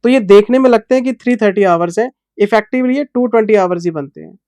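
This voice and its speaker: A man teaching accounting who explains his course to students. He speaks slowly and patiently, and addresses them in a fatherly way. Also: high voice, expressive, a little mellow, dry recording. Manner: deliberately slow, patient delivery; fatherly, calls students "son".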